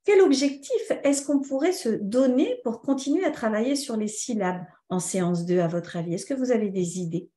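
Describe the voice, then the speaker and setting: A woman leads a live online lesson as a trainer, speaking in a lively way and answering viewers' comments by name. Her voice sits fairly high but sounds mellow. The recording carries an echoey room sound. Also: normal speed, hardly any pauses. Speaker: teacher trainer.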